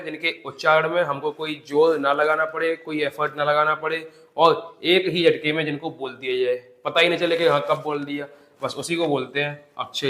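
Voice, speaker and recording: A man teaching an exam-prep grammar lesson, explaining step by step and repeating example words slowly. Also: a little high, a bit bright. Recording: echoey room.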